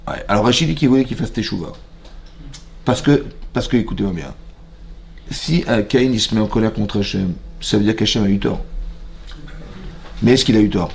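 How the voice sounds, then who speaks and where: A man with a French accent, a rabbi giving a lively Torah class in a synagogue. He reads out Hebrew verses, explains them and keeps asking his listeners questions. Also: lowish voice, normal speed, gravelly, pauses often. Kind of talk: animated Torah lesson to a mixed class. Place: synagogue hall.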